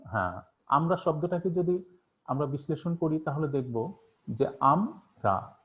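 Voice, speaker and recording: A man's voice: a little high, lively intonation, a little slow. A man teaching an online class, asking questions and answering them himself, with many fillers. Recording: tinny phone-like online class audio.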